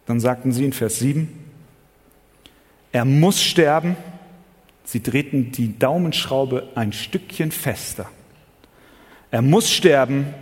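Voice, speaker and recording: A man preaching a sermon, swinging from loud exclamations to hushed, low passages. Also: breathy edge. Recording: long hall reverb.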